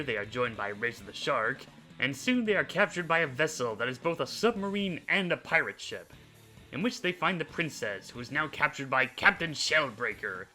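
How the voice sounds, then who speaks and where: A man hosting a video, narrating a character recap in an animated storytelling manner. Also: medium pitch, poor audio. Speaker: host. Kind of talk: scripted narration.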